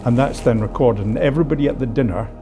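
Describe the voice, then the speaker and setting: A man answering interview questions in a measured, halting way, with many restarts. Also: medium pitch, mellow, faint music behind.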